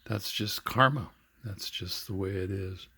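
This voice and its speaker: Gravelly, slow-talking older man. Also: sits low, bright, forceful tone, no echo. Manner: earnest, halting with frequent fillers. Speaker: veteran musician telling his story. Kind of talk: reflective personal storytelling.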